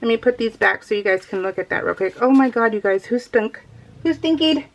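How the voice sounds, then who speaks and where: A middle-aged American crafting vlogger talks through her craft project live at an indoor craft table, casual, rambling, and self-deprecating. She speaks briskly and expressively with a fairly high pitch.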